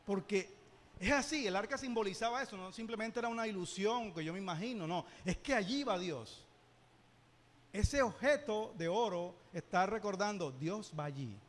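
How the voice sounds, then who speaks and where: High-voiced man teaching in a church hall. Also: moderate pace. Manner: lively, joking asides and rhetorical questions. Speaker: Sunday school teacher.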